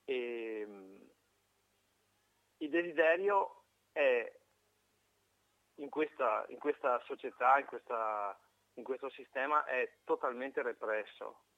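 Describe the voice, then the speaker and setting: A man calling in to a live radio show over the phone, giving a halting, reflective opinion with frequent restarts. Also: mid-range voice, no room sound. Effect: heard over a phone line. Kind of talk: call-in opinion on a live broadcast. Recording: tinny dry phone line.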